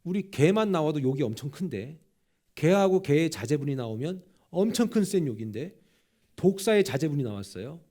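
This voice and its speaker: A male senior pastor preaching a sermon in a church, animated and conversational, often putting questions to the congregation. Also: a little high, moderate pace. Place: church sanctuary.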